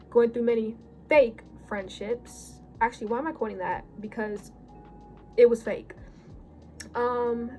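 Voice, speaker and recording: A teenage girl in a casual get-ready-with-me chat, rambling and correcting herself as she goes, her voice a little hoarse, recorded on a phone. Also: medium pitch, darkish tone, poor audio. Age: late teens. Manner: rambling, chatty, self-correcting. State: slightly hoarse. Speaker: beauty vlogger. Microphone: phone camera.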